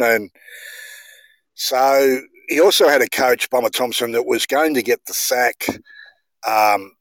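A man's voice: medium pitch, vocal fry, fairly bright tone, no room sound, poor audio. Rambling man telling stories. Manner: rambling storyteller, says mate. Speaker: podcast guest. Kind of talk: casual chat.

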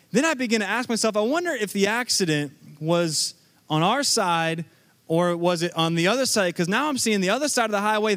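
A man in his thirties preaching a sermon to a live congregation, telling stories and joking with the crowd. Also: high-pitched. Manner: lively storytelling with crowd banter. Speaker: pastor.

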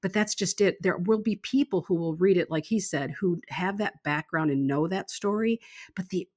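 A woman co-hosting a casual book discussion, talking enthusiastically and slowing down to stress the words that matter to her. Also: on the low side, darkish tone. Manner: enthusiastic, emphatic, slows down on key words. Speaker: book club co-host.

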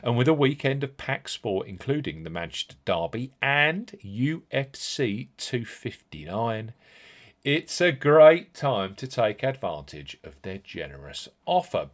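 Low voiced guy doing a scripted podcast promo, really up and down, punches the key words. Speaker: podcast host. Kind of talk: scripted promotional narration of betting offers.

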